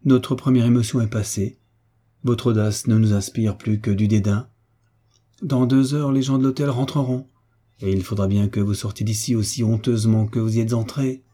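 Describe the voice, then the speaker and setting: Frightened young woman, anxious and pleading, man doing her in a husky raised voice, dark tone. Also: on the low side, fairly even intonation, moderate pace, natural voice. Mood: defiant.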